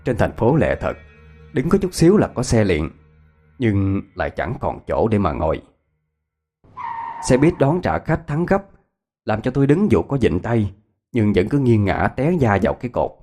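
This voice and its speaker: A man narrating a scripted horror story in a dramatic, expressive way. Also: fairly low pitch, moderate pace, pauses often. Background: faint music.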